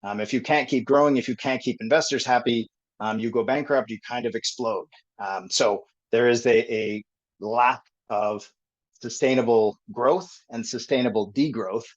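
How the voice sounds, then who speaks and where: A man presents to a group call in a mid-pitched, hesitant voice, thinking aloud and pausing often. The audio is dull and lo-fi. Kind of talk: explaining a technical topic to a group call.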